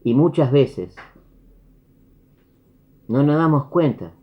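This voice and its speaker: Animated Rioplatense preacher on a video call. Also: male voice, medium pitch, slow pace. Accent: Rioplatense Spanish. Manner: animated storyteller, acts out characters' lines. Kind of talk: sermon parable storytelling. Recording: dull lo-fi video call audio.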